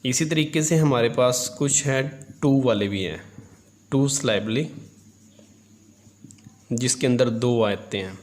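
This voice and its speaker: A man teaching an English grammar lesson in Hindi, explaining step by step, asking and answering his own questions, and drawing out English terms slowly as he dictates. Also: medium pitch, darkish tone.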